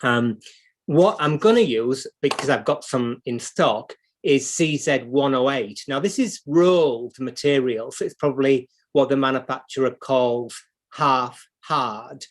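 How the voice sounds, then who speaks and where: A man's voice: mid-range voice, unhurried. A man with a British accent gives an unscripted, hands-on repair demonstration, explaining as he goes and thinking aloud. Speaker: clock repair instructor and livestream host.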